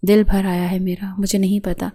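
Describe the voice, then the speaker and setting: A woman's voice: medium pitch, flat delivery, mellow, lightly acted. A woman reading the lines of a tender, heartbroken young heroine in earnest, pleading tones.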